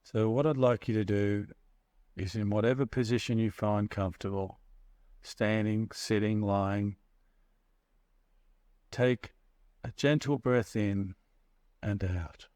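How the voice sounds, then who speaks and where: Low-pitched man guiding a meditation, unhurried. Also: steady tone, darkish tone, dry recording. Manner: measured, soothing, pausing between short phrases. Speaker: meditation guide, therapist. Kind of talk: guided meditation narration.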